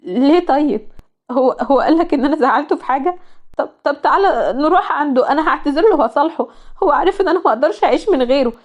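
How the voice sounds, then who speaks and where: A woman's voice: high-pitched, animated, fast, darkish tone, voice pushed up. Malak, a heartbroken young woman, voiced by a woman. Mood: distraught. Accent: Egyptian Arabic. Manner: pleading, distraught.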